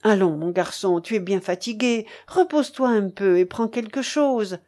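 A woman's voice: mid-range voice, moderate pace, warm tone, natural voice. A woman voicing a kindly, talkative old peasant man on crutches in an audiobook, fatherly and bustling. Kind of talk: audiobook character reading.

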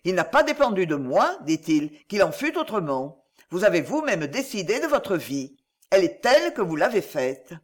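A man's voice: high-pitched, big pitch swings, moderate pace. A man doing a cold, stern ironmaster husband. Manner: cold, severe, mocking.

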